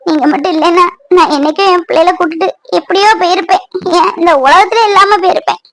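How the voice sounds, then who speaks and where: A woman's voice: extremely high pitch, steady tone, fast, low-quality recording. A woman voicing a middle-aged mother in a cartoon, tearful and grateful to her mother-in-law. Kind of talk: Tamil cartoon voice acting.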